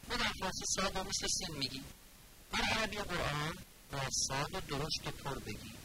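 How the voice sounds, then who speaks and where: A man teaching pronunciation, speaking in a fairly high voice that swings widely in pitch as he moves between explanation and slow, drawn-out chanting. He pauses between phrases so students can repeat after him. Loud noise sits under the whole recording. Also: animated. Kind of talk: recorded lesson on reciting the call to prayer.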